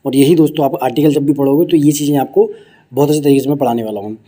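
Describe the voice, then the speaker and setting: Young male tutor, Hindi accent, deep mellow tone, explains in small steps with rhetorical questions. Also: fairly even intonation, rapid-fire. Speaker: teacher. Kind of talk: exam-prep grammar lesson.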